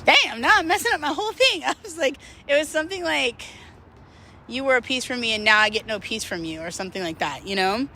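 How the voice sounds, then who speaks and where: High-pitched and lively, a woman vlogger talks a little fast in a pushed, bright voice, with a little hiss or hum audible. She's having a casual confessional chat with her viewers, rambling, self-deprecating and swearing without restraint.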